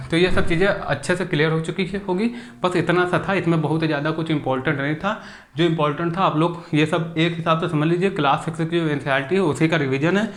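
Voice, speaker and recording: A young man with a somewhat high voice gives an exam-prep video lecture. He keeps asking his students rhetorical questions and answers them himself. He caps his phrases with a quick "okay". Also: fairly bright tone. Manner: repetitive, asks students rhetorical questions, ends phrases with "ठीक". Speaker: exam coaching teacher.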